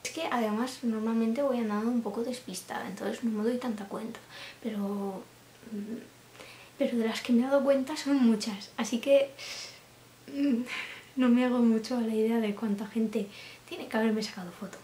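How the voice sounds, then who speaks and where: A young woman chatting casually to camera, laughing often and dropping into soft asides. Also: fairly high pitch, steady tone, moderate pace. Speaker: vlogger. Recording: roomy room with faint hiss.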